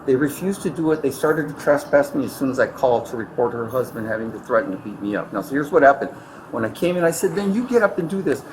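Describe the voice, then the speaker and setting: A man's voice: medium pitch, lively intonation, fast. A man calling in a complaint, retelling a dispute in an aggrieved, rambling way, recorded on a body camera in a facility lobby. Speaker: caller reporting a complaint. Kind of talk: heated complaint to an officer. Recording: body camera, noisy ambience.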